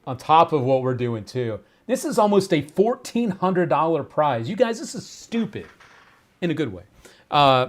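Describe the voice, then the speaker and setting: A man hosting a live-streamed giveaway show, talking casually and full of stunned exclamations and laughter. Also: mid-range voice.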